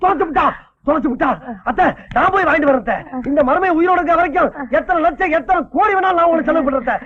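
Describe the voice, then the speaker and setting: Shrill whiny greedy son-in-law, talks fast, tinny old film sound. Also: male voice. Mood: frantic. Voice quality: high-pitched, wailing. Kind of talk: Tamil film comedy acting. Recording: lo-fi film audio like a phone line.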